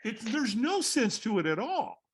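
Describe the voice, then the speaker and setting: A man who is a guest on a podcast, telling an animated story, acting out the voices he quotes and laughing often. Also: very high-pitched, unhurried, slightly rough. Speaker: guest, firewalking instructor.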